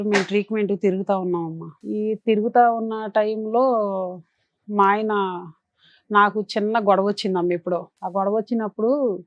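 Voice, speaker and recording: A woman's voice: mid-range voice, dry recording, highs cut off. A woman from Vijayawada telling her marriage troubles earnestly and plaintively as a talk show guest. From Vijayawada, India. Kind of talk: personal account on a talk show.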